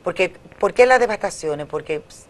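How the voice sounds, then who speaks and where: A woman's voice: on the low side, lively intonation, normal speed. A middle-aged woman with a Dominican Caribbean Spanish accent, explaining things as an academic guest in a conversational interview.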